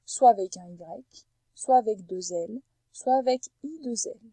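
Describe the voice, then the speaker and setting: A woman teacher with a mellow, slightly husky voice walks a young pupil through a phonics lesson. She talks patiently and slows right down to over-articulate each sound. The recording is close and dry. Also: medium pitch, dry recording, poor audio. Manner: slow, careful over-articulation of sounds for a child.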